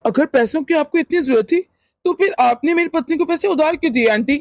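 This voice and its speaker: A woman's voice: high-pitched, fairly quick, darkish tone, no room sound. A woman voicing a stern young husband and son in a cartoon who questions and scolds. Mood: stern questioning.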